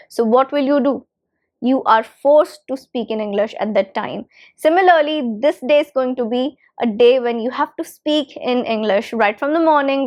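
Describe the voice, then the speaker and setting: A woman whose native language is Hindi teaches English to camera, stressing key phrases by repeating them. Her voice sits on the higher side with a somewhat dark tone, and the recording quality is lo-fi.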